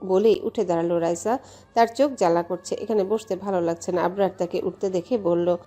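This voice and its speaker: A woman from Bangladesh narrating a romance story in a steady, measured way. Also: lowish voice, soft background music. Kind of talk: audiobook story reading.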